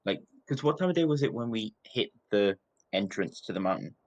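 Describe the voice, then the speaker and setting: A man's voice: lowish voice, sing-song, a little fast, a little mellow, dull audio. A man playing a tabletop role-playing game, casually chatting and describing what his character does.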